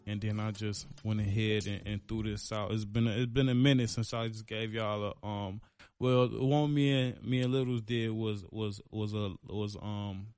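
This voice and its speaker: A man's voice: lowish voice, steady tone, normal speed, a little mellow, clear, resonant tone, dry recording. A man hosting his own podcast, talking casually in a rambling, laid-back way with lots of fillers and slang, a little out of breath. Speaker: podcast host. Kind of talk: casual solo podcast outro.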